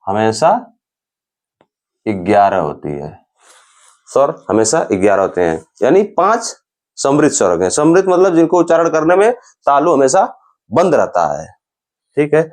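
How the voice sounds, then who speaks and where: In lecture fashion, a man teaches grammar with a fairly high, very animated, slightly mellow voice. He explains slowly, repeats sounds and terms, and keeps calling for the listener's attention.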